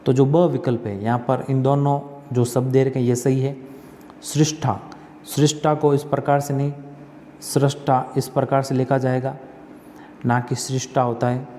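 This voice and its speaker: A man's voice: mid-range voice, dark tone, slight background noise. Man teaching in an echoing room. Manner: asks and answers his own questions, repeats words slowly. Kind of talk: exam-prep lesson explaining spelling questions.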